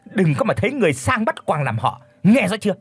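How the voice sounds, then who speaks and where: A man voicing a bullying, foul-mouthed old village chief who shouts threats and orders. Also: fairly high pitch, sing-song, a little slow, no room sound. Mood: furious.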